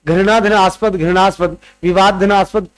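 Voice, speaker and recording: A man with a high-pitched voice leads an exam-prep Hindi grammar class. He works through answer options one by one, repeating forms and checking that students follow. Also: fairly even intonation, moderate pace, clean tone. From Rajasthan, India. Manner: repeats answers, drills word forms aloud; addresses students directly, quizzing them.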